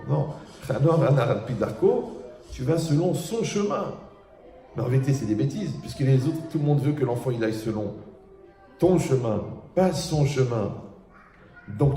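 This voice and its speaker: A man, a rabbi, giving a humorous religious talk to an audience, telling anecdotes and imitating the people in them. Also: gravelly. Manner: animated storytelling, mimics people with raised pitch. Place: lecture hall with a live audience. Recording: echoey hall.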